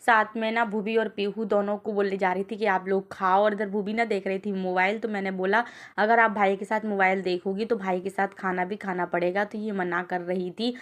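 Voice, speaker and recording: A woman's voice: medium pitch, little pitch movement, normal speed. A woman in her thirties narrating her family day in a chatty, homely way. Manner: chatty, homely, talks to kids in a sing-song voice. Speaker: vlogger, homemaker. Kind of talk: casual vlog narration.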